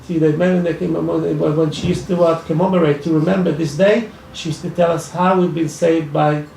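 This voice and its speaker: A man from Iraq delivers personal testimony as a speaker at a public discussion, set in a library event room. His gravelly, fairly high, darkish voice stays steady in tone, though his speech is halting and peppered with restarts and fillers, in an Iraqi Arabic accent. Slight background noise and hall echo come through a distant microphone.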